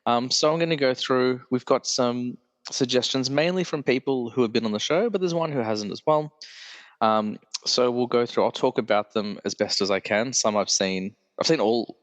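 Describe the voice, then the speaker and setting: Congested from illness, a male podcast host chats casually on his solo show, his voice nasal and stuffy as he rambles and corrects himself. He speaks at medium pitch and a moderate pace, and the audio has a big-room sound.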